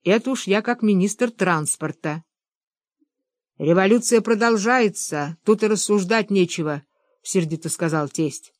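A woman voicing a gruff, bossy older male official who scolds his son-in-law in a storybook reading. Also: sits high, measured pace, dry recording, clean studio sound. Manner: blustering, scolding.

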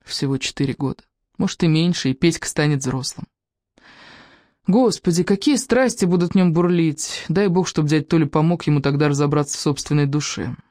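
Женщина-чтец, ровный сухой голос. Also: female voice, low-pitched, fairly quick, a little mellow, no echo, clean studio sound. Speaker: audiobook narrator. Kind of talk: scripted narration.

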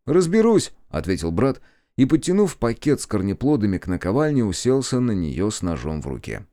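A man reading an audiobook in the first person, expressive, with curt replies in the dialogue. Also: lowish voice, fairly quick, no room sound, clean studio sound. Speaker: audiobook narrator.

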